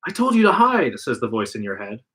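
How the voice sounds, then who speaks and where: A man's voice: medium pitch, wildly swooping pitch, a little fast, sharp tone. A man reading an interactive gamebook aloud on a livestream podcast, putting on voices for the dialogue. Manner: reads narration plainly, puts on voices for dialogue. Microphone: livestream podcast mic.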